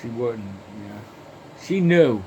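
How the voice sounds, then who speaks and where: A man's voice: medium pitch, lively intonation, slow, a little mellow, slight background noise. A man telling a rambling first-person story, swearing constantly and restarting his sentences again and again. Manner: heavily profane, rambling, with frequent restarts and fillers.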